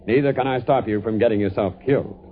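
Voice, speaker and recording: An actor playing a gruff, stern army general, blunt and commanding, in old radio drama style. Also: male voice, on the low side, quick pace, a little hiss or hum, lightly acted. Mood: stern, warning. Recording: phone-like, thin old radio recording.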